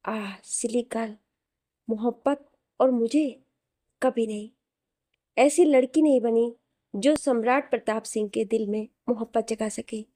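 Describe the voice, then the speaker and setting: A woman's voice: a little high, a little slow, pauses often, mellow, no room sound, studio quality, close to an everyday voice. A woman voicing an arrogant, proud young man in a storybook reading. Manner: arrogant, dismissive.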